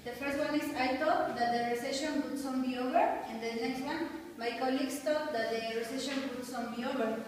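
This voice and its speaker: A woman's voice: sits high, steady tone, fairly quick, distant mic, slight background noise. A woman explaining grammar examples to a class in simple phrasing. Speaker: student presenter. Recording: echoey room recorded from afar.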